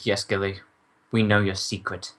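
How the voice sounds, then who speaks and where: Man playing a low-voiced, stuffy doctor sidekick. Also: level tone, normal speed, a bit bright, lightly acted. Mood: indignant. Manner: proper, grumbling, old-fashioned. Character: stuffy, indignant gentleman doctor, detective's loyal companion. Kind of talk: old-time radio drama acting.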